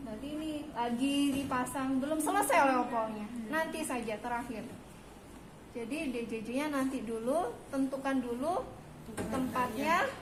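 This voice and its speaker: A woman's voice: sits high, a little slow. A woman instructor demonstrating a prenatal exam step by step and checking that her students understand. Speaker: midwifery instructor. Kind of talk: hands-on clinical demonstration. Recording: echoey room with background noise.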